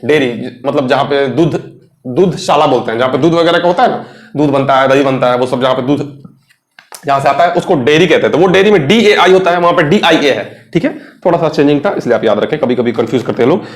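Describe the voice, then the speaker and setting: A man with a fairly high voice teaches an exam-prep English lesson in a chatty, reassuring way. He spells words out letter by letter. The recording has a noticeable room echo. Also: animated, a little fast.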